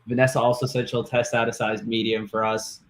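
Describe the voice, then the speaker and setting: A man's voice: mid-range voice, little pitch movement, a little fast. A man co-hosting a casual livestream, reading viewer comments aloud in an upbeat way and laughing often. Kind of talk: casual live-stream chat.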